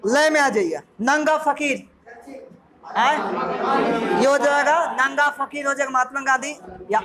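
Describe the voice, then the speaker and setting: A man from Bihar with a Bihari accent, a coaching teacher running a jokey quiz revision and quizzing his class. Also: very high-pitched. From Bihar, India. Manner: jokey, asks the class questions. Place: classroom full of students. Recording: noisy crowded classroom. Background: students in the room.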